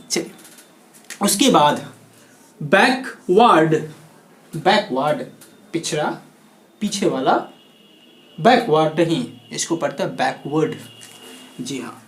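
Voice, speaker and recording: Male teacher from India, lively question-and-answer delivery, roomy echo. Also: a little high. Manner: lively, asks and answers his own questions. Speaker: English teacher. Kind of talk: spoken-English lesson in Hindi. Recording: echoey room.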